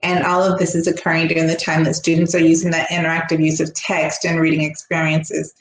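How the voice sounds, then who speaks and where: A woman's voice: deep voice, monotone, brisk. A woman teacher educator giving a recorded lecture, explaining step by step and often checking in with "right?". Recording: echoey room with faint background hum.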